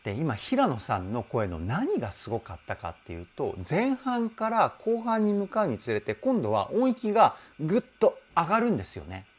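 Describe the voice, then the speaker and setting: A man's voice: fairly high pitch, wildly swooping pitch, normal speed, hardly any pauses. A man working as a vocal coach, reacting to a song and breaking down the singing. He explains with enthusiasm, often exclaims, and adds polite, apologetic asides.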